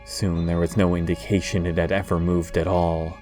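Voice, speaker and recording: A man narrating a scripted horror story in a measured, deliberate way. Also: sits low, flat delivery, a little mellow. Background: faint background music.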